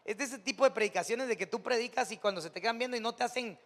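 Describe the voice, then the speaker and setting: Mexican pastor guy, high voice, chatty storytelling sermon, big reverby hall. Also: very fast, fairly bright tone. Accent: Mexican Spanish. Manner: storytelling, conversational, rising to emphatic preaching. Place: church sanctuary.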